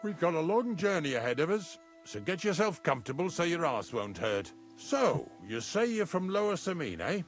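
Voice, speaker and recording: An actor playing a gruff, chatty older wagon driver in a video game, with folksy, rambling speech and rustic grammar. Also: male voice, on the high side, sing-song, normal speed, few pauses, faint music behind. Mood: gossipy, wry. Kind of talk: video game character dialogue.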